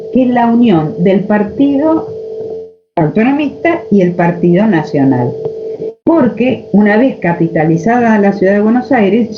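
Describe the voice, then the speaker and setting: A woman with an Argentine accent teaching a history class over a video call, lecturing and posing rhetorical questions to her students. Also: a little high. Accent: Argentine Spanish. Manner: lecturing, asks rhetorical questions, frequent "este" fillers. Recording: muffled online call audio, faint noise.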